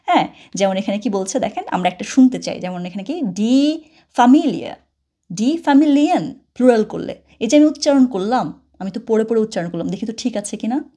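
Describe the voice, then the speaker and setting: A woman's voice: mid-range voice, lively intonation, fast, mellow. A woman teaching a language lesson over a screen share, chatty, slipping into English phrases and repeating words after the audio.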